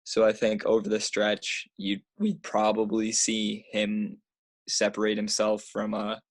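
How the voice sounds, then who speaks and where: Male podcast co-host, low-ish voice, laid-back, hesitant casual sports talk. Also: a little slow, no echo.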